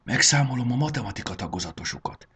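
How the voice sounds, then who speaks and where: A man voicing a bossy guide figure who gives hushed orders. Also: medium pitch, lively intonation, slight background noise, voice pushed up, natural voice.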